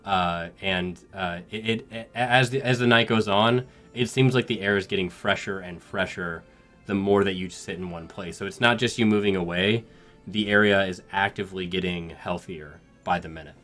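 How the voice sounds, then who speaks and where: A man's voice: sits low, moderate pace, a bit bright, faint music behind. A man narrating as game master of a tabletop game, rambling with many ums and restarts.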